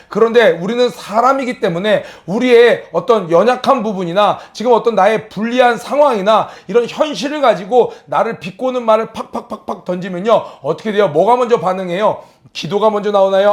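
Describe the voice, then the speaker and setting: A male pastor preaching an online early-morning sermon, asking the listeners questions and acting out the voices of mockers. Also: high voice. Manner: asks the listeners questions, acts out mocking voices. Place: church service streamed online.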